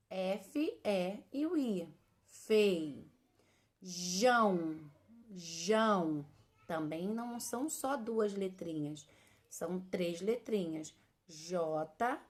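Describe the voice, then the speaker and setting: A woman teacher speaks to young children at a deliberately slow pace. She sounds out words one syllable at a time. She uses fond, diminutive words and often checks that they follow along. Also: mid-range voice, darkish tone. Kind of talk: children's lesson.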